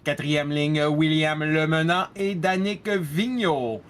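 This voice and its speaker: A man's voice: a little high, a bit bright, clean tone. A man with a Québécois French accent commenting on a race, mixing English racing words into his French. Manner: reads lineups slowly, mixes in English words. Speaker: color commentator.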